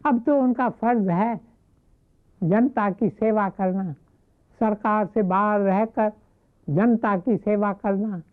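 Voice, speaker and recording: A woman giving a devotional talk, retelling a story in a measured, reverent way. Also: mid-range voice. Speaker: spiritual speaker. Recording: narrow phone-like lo-fi audio.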